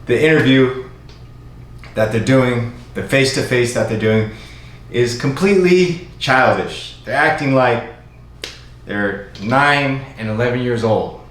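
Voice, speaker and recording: A man's voice: mid-range voice, measured pace, a bit bright, slight background noise. A man hosting his own channel, explaining fight clips in a casual, repetitive recap. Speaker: YouTube commentator. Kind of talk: casual commentary over clips. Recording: very echoey room.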